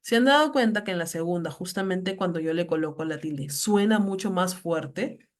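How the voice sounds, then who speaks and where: Woman teaching, stressing each example word. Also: fairly low pitch. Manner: slow, stressed reading of example words. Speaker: lecturer. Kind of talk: online grammar lesson.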